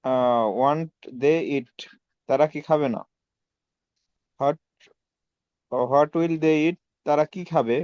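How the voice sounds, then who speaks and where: A male student reading English practice sentences aloud, halting and repeating each one. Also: fairly high pitch, darkish tone, clean tone, no room sound, highs cut off.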